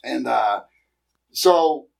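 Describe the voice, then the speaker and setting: A man's voice: medium pitch, expressive, very slow, creaky, far from the mic, rough recording. A middle-aged man from Pennsylvania telling stories in casual chat, slangy and profane. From Erie, Pennsylvania. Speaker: podcast guest, comedian.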